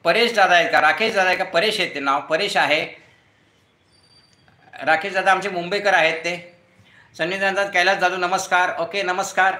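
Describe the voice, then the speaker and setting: A man's voice: sits high, fairly even intonation, normal speed, pauses often, echoey room. A middle-aged man hosting a casual live stream at home, reading viewer comments aloud and greeting each viewer by name. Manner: chatty, greets viewers by name, thanks them warmly. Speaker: YouTube live-stream host. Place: home room beside his front door.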